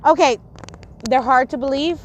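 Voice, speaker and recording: In a muffled recording, a Texan YouTuber with a high-sitting voice and moderate pace lashes out at her livestream chat. She stutters and lisps, swears, and keeps repeating and restarting herself in a confrontational rant.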